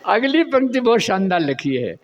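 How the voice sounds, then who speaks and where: An older man, a comic poet, reciting humorous verse to a live audience in a drawn-out, half-sung way, repeating lines and chatting with the crowd between them. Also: sits high, very animated, highs cut off, a little hiss or hum.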